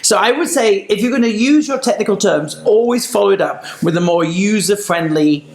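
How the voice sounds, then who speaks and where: Male Pilates co-host, high voice, earnest and explanatory, roomy echo. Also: fairly quick. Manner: earnest, explanatory, laughs easily. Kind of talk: casual chat.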